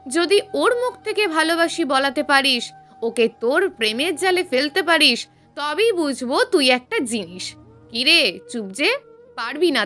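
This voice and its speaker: Casting: a woman doing taunting college girls in an audio story, bright and lively. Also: sits high, full character voice. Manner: mocking, goading. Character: teasing young female college friends.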